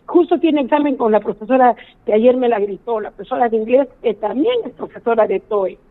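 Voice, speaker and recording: A woman's voice: on the high side, a little fast. A middle-aged woman, calling in to a radio show to complain, indignant and pleading as she tells her story. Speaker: caller. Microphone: phone. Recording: tinny phone line on radio.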